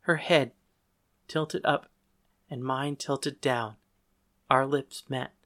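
A man narrating a story in the first person, calm and measured. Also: medium pitch.

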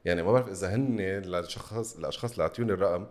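A man with a slightly low voice and a Lebanese Levantine Arabic accent. He chats casually at a rapid pace as a podcast co-host. He flips often between Arabic and English. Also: darkish tone. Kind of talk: casual chat.

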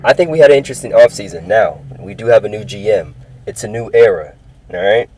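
Animated and fast, this man's darkish voice leans low, captured on a low-quality recording. He's in his twenties, from California, and hosts a solo sports podcast in a casual, upbeat, rambling style full of repetition.

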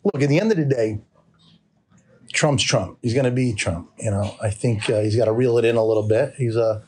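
Husky, plain-spoken man from Connecticut. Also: medium pitch, fairly quick, a little mellow. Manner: plain-spoken, hesitant, searching for words. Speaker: interview guest. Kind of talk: casual interview answers.

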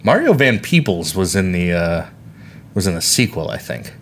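A man's voice: low voice, big pitch swings, moderate pace, a bit bright, slight background noise. A man co-hosting a podcast in casual chat, talking in a wry, rambling way. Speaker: podcast co-host.

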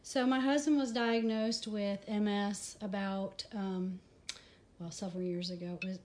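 A woman hosting a ministry video, slightly out of breath, giving a personal devotional talk in a conversational, halting way with many fillers. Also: mid-range voice, steady tone, darkish tone. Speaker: ministry host.

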